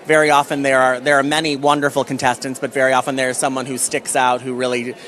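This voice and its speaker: A man answering an interview question as a judge, in a measured, earnest manner. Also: mid-range voice, level tone, a bit bright. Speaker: pageant judge.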